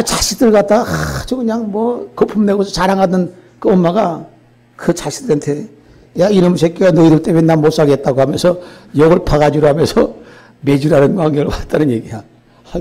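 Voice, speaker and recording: An older pastor with a high voice preaches a sermon, telling a story animatedly and often checking in with the congregation.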